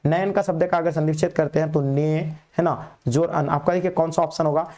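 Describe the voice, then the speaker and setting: A man teaching an exam revision lesson, quizzing students in a brisk, repetitive way and calling them "babu". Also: on the high side, fairly even intonation, a little mellow.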